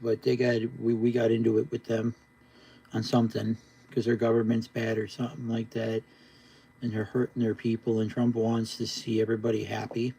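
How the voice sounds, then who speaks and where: A man with a very dark, husky voice chats to a livestream in a laid-back stoner drawl. He rambles and repeats himself, keeping a flat, gravelly tone throughout. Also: mid-range voice, moderate pace, low-quality recording. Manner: repetitive, rambling. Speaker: live streamer. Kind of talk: casual rambling livestream chat.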